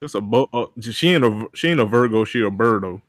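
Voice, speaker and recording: A man's voice: lowish voice, expressive, fairly quick, no echo. Laid-back man chiming in, dry mic. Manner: laid-back, short interjections. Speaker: podcast co-host. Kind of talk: casual chat.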